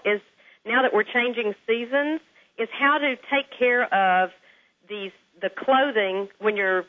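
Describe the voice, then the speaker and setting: Woman, interview guest, chatty, laughs easily, higher pitch, phone-line sound. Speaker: home stager, guest.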